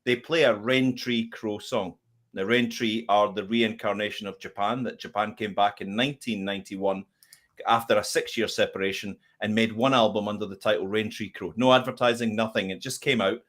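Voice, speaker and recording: A man co-hosting a casual chat about albums, telling lively anecdotes. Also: on the low side, moderate pace. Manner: chatty storyteller, animated anecdotes. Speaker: podcast co-host.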